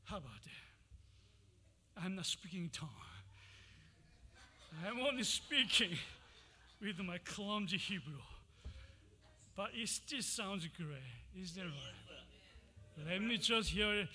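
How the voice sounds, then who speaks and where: Korean-accented man preaching with high bright voice. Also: animated, slow, long pauses. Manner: dramatic, emphatic reading with exclamations and Hebrew chanting. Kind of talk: sermon.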